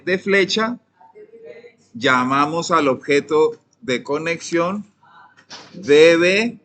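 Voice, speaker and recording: Slow-speaking Colombian man teaching code. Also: high-pitched. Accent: Colombian Spanish. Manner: asks students questions and dictates code; often trails off softly. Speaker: programming teacher. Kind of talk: live coding lesson.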